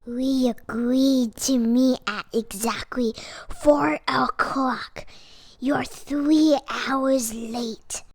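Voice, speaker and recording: A man voicing a sour, grudge-holding male grape in a storybook, whining indignantly in drawn-out words. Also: very high voice, steady tone, no echo, voice pushed up, exaggerated voice. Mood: indignant, whiny.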